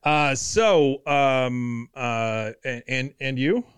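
A man in his fifties hosting a podcast, rambling and halting with many restarts. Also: medium pitch, animated, a little hiss or hum. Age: 50s. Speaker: podcast host. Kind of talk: casual podcast chat.

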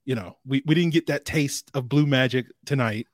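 Measured man, dry-sounding podcast co-host. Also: mid-range voice, no echo. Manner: measured, thinking aloud with restarts. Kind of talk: casual sports podcast chat.

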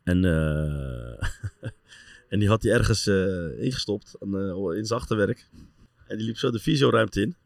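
A middle-aged man with a gravelly, creaky voice tells stories in a relaxed chat. He acts out scenes animatedly, his voice often climbing high. The sound is dry and close. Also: a little slow, no echo. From Netherlands. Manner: animated storyteller, voice rises high when acting out scenes, laughs often. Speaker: former footballer and assistent coach telling stories. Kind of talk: casual anecdote telling.

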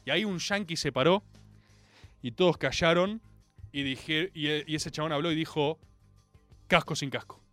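A man's voice: fairly high pitch, normal speed, fairly bright tone, dry recording, faint music behind. A man with a Rioplatense Argentine accent hosting a radio show, telling a comic monologue in slangy, theatrical storytelling. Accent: Rioplatense Argentine Spanish. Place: radio studio.

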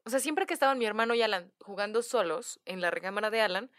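A woman's voice: medium pitch, fast talker, a bit bright. A Mexican woman telling a family story on a casual podcast, acting out relatives' lines and laughing often. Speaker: guest storyteller.

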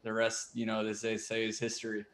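A man's voice: lowish voice, monotone, fairly quick, a bit bright. A young man, a baseball player, chatting casually in an interview and breaking into laughter often. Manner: laughs often while talking. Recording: roomy echo.

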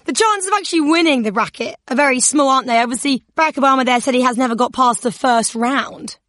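A woman's voice: high voice, quick pace, a bit bright, no room sound, studio quality. A woman co-hosting a podcast, cheeky and competitive. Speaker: co-host. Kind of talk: comic podcast banter.

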